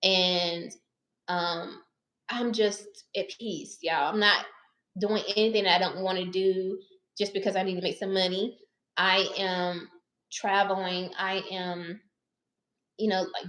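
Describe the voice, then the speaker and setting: A woman in her thirties talks straight to her viewers in a loose, chatty way, calling them y'all and baby. Her voice sits at an ordinary middle pitch. The recording carries a noticeable room echo. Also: level tone, unhurried, a bit bright. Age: 30s. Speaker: personal finance YouTuber and licensed therapist. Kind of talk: casual chat to camera. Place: her living room or car. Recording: roomy echo.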